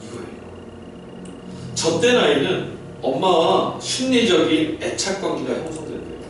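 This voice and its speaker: This sermon comes from a man with a fairly high, sing-song voice speaking at a moderate pace. He explains and quizzes a congregation of mixed ages in a church sanctuary, recorded from a distance in a very echoey hall with slight background noise.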